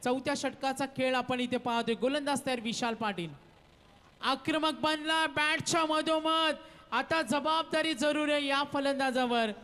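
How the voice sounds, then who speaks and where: A man's voice: extremely high pitch, steady tone, a little slow, pushed and bright. A man giving live cricket commentary and calling out the score. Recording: long reverb, like a PA system.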